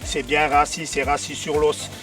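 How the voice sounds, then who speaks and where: A man's voice: fairly high pitch, little pitch movement, moderate pace, fairly bright tone, far from the mic, faint music behind. A middle-aged man with a Fribourg Swiss French accent, explaining his butcher's products in an interview, hesitant and repeating words. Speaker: artisan butcher, guest.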